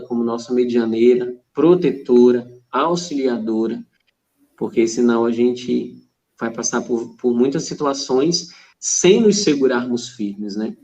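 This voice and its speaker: A man's voice: medium pitch, darkish tone, echoey room. A man with a Brazilian Portuguese accent, a religious brother telling stories as a podcast guest, acting out dialogue and often adding "né?". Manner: storytelling with quoted dialogue, frequent "né?". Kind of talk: conversational testimony.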